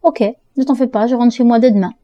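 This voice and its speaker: A woman's voice: on the high side, fairly even intonation, fast, dark tone, dry recording, muffled recording, pitched above the performer's own voice, natural voice. A woman reading the lines of a touchy, tipsy older brother in an audiobook, curt and mocking. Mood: defiant.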